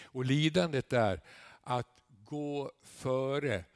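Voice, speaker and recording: A man's voice: mid-range voice, dry recording. Emphatic preaching man, dry sound. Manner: conversational preaching, rising to loud emphatic peaks; tag questions and asides to the congregation. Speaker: guest preacher. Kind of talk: sermon.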